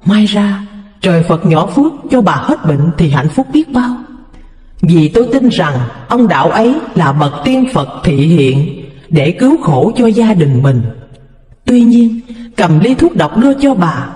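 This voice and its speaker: An anxious, tender doctor husband, read by a male narrator, pleads earnestly with his sick wife. His voice rises and falls a lot, with a dark tone in a reverberant room. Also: high-pitched, very animated, unhurried. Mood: worried, earnest.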